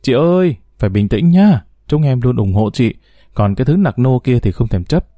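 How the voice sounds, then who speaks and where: A man voicing an indignant young woman who urges her sister-in-law to stay calm, in an audio story. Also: mid-range voice, normal speed, dry recording, clean studio sound, natural voice.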